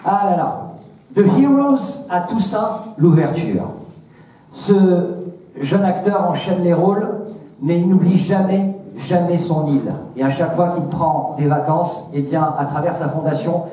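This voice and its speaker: A man's voice: on the high side, expressive, measured pace, dark tone. A man hosting a ceremony on stage, introducing guests in an emphatic, showmanlike way. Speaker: ceremony host. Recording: echoey hall, distant, crowd, faint noise.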